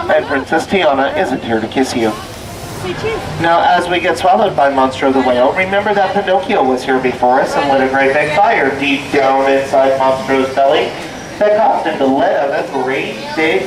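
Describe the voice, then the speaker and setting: A man with a slightly high voice delivers a theme park ride spiel as a boat skipper. He narrates scripted tales in a theatrical storytelling way, stretching words and dropping puns. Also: recorded from a distance, low-quality recording. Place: outdoors on a tour boat.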